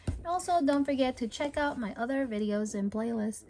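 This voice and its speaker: A woman reads a picture book aloud for a children's storytime at home, her high voice moving at a moderate pace in a lively, sing-song way meant for young children. Some background noise can be heard.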